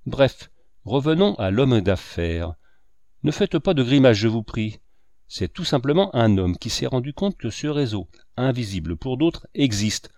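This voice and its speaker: A man's voice: medium pitch, very animated, measured pace, a little mellow, dry recording, studio quality. A man voicing a sardonic older cynic who lectures his friends on money in a sweeping, declamatory way. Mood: lecturing.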